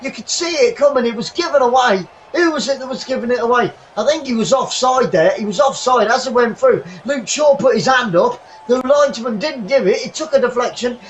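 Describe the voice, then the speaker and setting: A man giving live football commentary, excitable and swearing, shouting at the team. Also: very high voice, a little fast, few pauses, recorded from a distance, dull audio, a little hiss or hum. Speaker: watchalong commentator.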